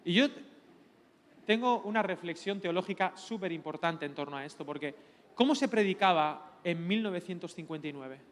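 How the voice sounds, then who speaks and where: A middle-aged man with a Spanish accent from Spain, a pastor giving a lively, joking teaching sermon. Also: high-pitched, normal speed. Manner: lively, joking, playful preacher. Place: large church hall. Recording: long hall reverb.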